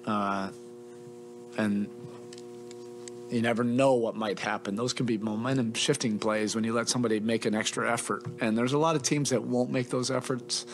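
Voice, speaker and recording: A middle-aged head coach speaks at a postgame press conference in a steady, mid-range voice, talking into a table mic in the press room. His delivery is measured and halting, with frequent fillers and restarts.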